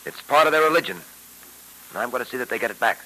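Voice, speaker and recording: Actor as fast-talking Dick Tracy, old radio detective. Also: male voice, mid-range voice, bright, forceful tone, slight background noise, natural voice, low-quality recording. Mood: principled. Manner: crisp, clipped, authoritative. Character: brisk, principled police detective hero, stoic and fair. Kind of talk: 1940s radio drama acting. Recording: vintage radio recording.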